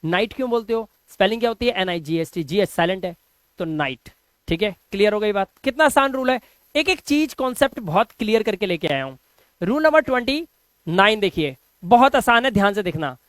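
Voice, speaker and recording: Male phonics tutor, high pitch, dry close sound, repeats and drills words. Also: lively intonation, a bit bright, dry recording. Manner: repeats words slowly and quizzes viewers. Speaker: English pronunciation teacher. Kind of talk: explaining phonics rules in Hindi.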